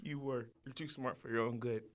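Unrepentant merman traitor, played by an improviser, medium pitch, terse understated comic delivery. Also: steady tone, a little fast, close to an everyday voice. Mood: sheepish. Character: guilty, unrepentant merman who betrayed his friends. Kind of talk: improvised comedy role-play.

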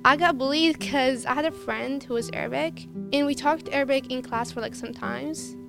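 A woman's voice: high-pitched, moderate pace, gravelly, music in the background. A teenage girl from Iraq talking casually in an interview, with lots of "like" fillers. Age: teens. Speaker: student interviewee. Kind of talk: interview testimony.

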